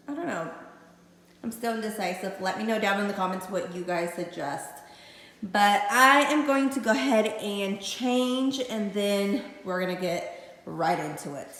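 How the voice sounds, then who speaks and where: A woman's voice: medium pitch, fairly bright tone. A woman chatting casually in a home vlog, rambling and correcting herself as she goes, heard with a strong echo from a bare, empty room. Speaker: home vlogger. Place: freshly painted house with almost nothing set out. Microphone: phone camera she holds and flips around. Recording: very echoey bare room with long reverb.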